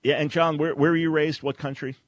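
A man hosting a call-in radio talk show, speaking firmly and earnestly in long steady stretches. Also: a little high, a little fast, dry recording.

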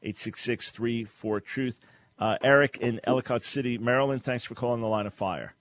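A man's voice: mid-range voice, moderate pace. Firm man hosting a call-in radio show. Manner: firm, steady, speaks in long earnest stretches. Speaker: radio talk show host.

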